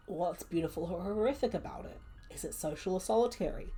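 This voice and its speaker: A woman's voice: fairly low pitch, brisk, dark tone, soft background music. A young woman streaming a solo tabletop game, reading prompt lists aloud and musing at length with many fillers.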